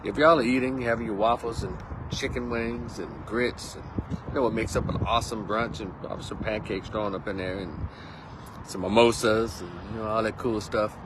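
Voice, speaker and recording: A Texan man in his fifties talks through a relaxed, rambling monologue, full of slang and easy asides. He is recorded outdoors on a windy day, with a faint hum of traffic behind him. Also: lowish voice, moderate pace. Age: 50s. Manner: chatty and rambling, laid-back slang. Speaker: vlog host. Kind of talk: casual monologue.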